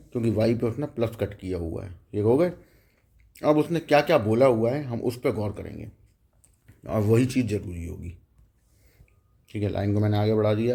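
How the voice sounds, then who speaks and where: A man's voice: fairly low pitch, gravelly, warm tone. A man teaching a math lecture, explaining step by step and often checking in with the students.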